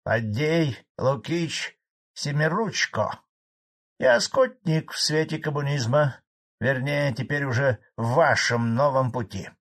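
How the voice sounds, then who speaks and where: A man voicing an angry, blunt old male Soviet cattle farmer in an audiobook, gruff and indignant. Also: medium pitch, lively intonation, slow, voice pushed up.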